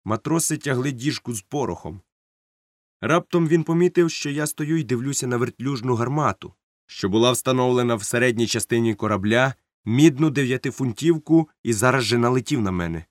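A man reading an adventure novel aloud as a narrator, in a steady, measured storytelling manner. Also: medium pitch, dry recording, studio quality. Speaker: audiobook narrator.

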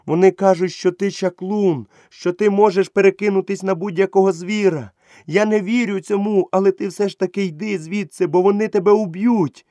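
A man's voice: high voice, fairly even intonation, normal speed, warm tone, dry recording, pitched above the performer's own voice, close to an everyday voice. A man voicing a fearful, tender village mother who pleads with her son. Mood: pleading. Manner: pleading, rising.

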